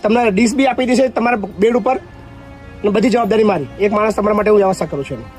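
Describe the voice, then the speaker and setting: High-voiced man reassuring elderly women. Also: quick pace, a little mellow, faint music behind. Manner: reassuring, repeats questions back. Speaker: old-age home organizer and vlogger. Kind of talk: casual interview.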